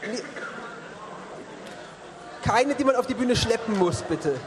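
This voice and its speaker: A man with a very high-pitched voice hosts a live stage quiz, speaking slowly but animatedly as he jokes and banters with the audience. The hall is live, with crowd noise and music.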